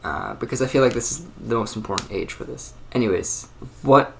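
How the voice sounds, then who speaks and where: Young man, early twenties, hosting his own channel; musing unscripted monologue, halting and reflective, average pitch. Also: creaky, slight background noise. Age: 20s. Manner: rambling and thoughtful, many fillers and restarts. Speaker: channel host. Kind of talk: casual solo monologue.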